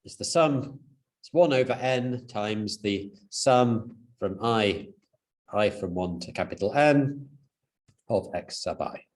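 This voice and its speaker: A man's voice: fairly low pitch, lively intonation, slow pace. A man giving a university lecture, explaining step by step, with frequent fillers and restarts.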